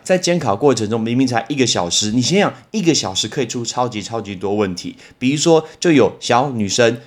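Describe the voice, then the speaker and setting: A man with a Taiwanese Mandarin accent teaching vocabulary in a casual podcast lesson, telling lively stories and slowing down to repeat and spell English words. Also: mid-range voice. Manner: storytelling with lively exclamations.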